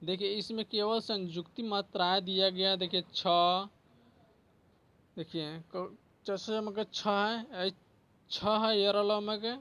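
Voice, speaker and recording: A male teacher giving a slow spelling lesson, repeating each word and often adding "ठीक है". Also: high voice, fairly even intonation, pushed and bright.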